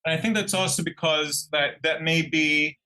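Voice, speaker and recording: At a moderate pace and in a slightly high voice, the male co-host of a true crime podcast relays the tale conversationally, acting out the reactions he quotes.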